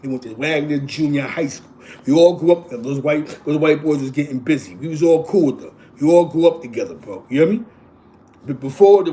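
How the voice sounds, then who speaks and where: New York man, 40s, host telling loose streetwise stories, somewhat high voice, slight background hum. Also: a little mellow. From East Harlem, New York. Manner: rambling, repeats himself, constant "you know what I'm saying". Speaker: show host. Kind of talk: casual streetwise storytelling.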